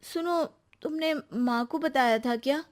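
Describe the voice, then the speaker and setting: A woman voicing an earnest, trusting young wife in an animated story, quick to protest. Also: sits high, voice pushed up.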